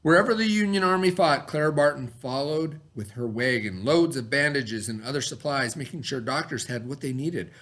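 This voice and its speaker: Reading aloud in a teacher's role, a man with a medium-pitched voice moves at a normal pace with few pauses. He sounds expressive and instructive, posing questions to pupils and explaining things simply.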